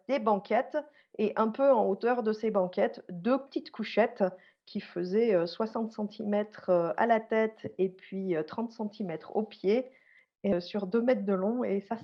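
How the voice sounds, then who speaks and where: A woman's voice: fairly high pitch, a little slow. Swiss-born woman with a dull lo-fi sound. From Switzerland. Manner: hesitant, many fillers and restarts. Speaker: podcast guest. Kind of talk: conversational interview storytelling.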